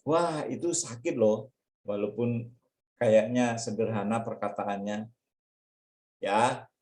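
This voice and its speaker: A man teaching a children's church lesson in an animated way, acting out taunts in a high put-on voice. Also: slow, echoey room. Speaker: Sunday school teacher.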